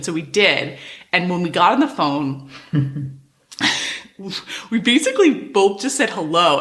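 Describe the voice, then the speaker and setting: A woman in her thirties hosts a casual podcast chat with lively, animated delivery, laughing often as her pitch swings widely. Her voice is low-pitched yet bright and forceful, ringing in an echoey room.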